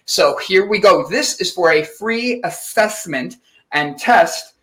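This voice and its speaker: Upbeat, bright-voiced male host. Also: sits high, slow pace. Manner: upbeat, rambling, energetic. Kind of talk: casual live-stream chat.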